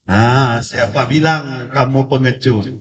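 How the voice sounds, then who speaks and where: A man's voice: medium pitch, slow, slight background noise, close to an everyday voice. A man voicing a patient father who coaxes his son in a raised voice, heard through a distant, echoey, dull recording. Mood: coaxing.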